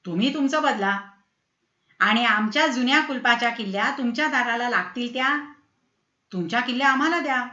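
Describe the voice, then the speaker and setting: Lady doing a stressed out guy, bright voice, asking questions, echoey. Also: very high-pitched, fairly quick, muffled recording, heavily acted. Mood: exasperated. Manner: agitated, questioning. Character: anxious, exasperated man of the house.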